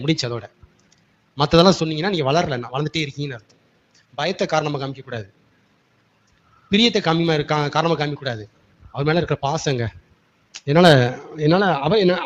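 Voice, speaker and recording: A man's voice: fairly high pitch, dull audio. A male pastor with a Tamil accent preaching a sermon, acting out quoted lines from God and people. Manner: animated, voices God and people in quoted asides.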